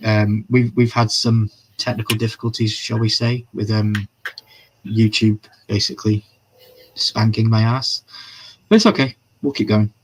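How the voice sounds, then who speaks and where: A man's voice: on the low side, little pitch movement, measured pace, slightly rough. A man hosting a casual live-stream recap, chatty and profane, reading viewers' comments aloud as he goes.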